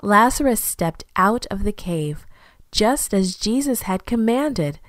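A woman reads a Bible story to children at an unhurried, careful pace, giving each line plenty of expression. Her voice sits in an ordinary middle range and sounds close and dry, with no room around it. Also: mid-range voice, no room sound. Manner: slow, careful, expressive reading.

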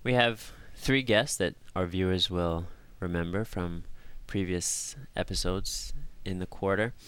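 A man hosting a discussion show, telling a story in a calm, measured way and then talking with his guests. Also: sits low, clear, resonant tone. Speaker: host. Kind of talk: scripted narration and discussion hosting.

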